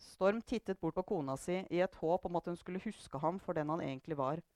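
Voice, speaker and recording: A woman's voice: fairly low pitch, a little mellow, no echo. Woman reading a novel aloud, dry sound. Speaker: reader. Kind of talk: book reading.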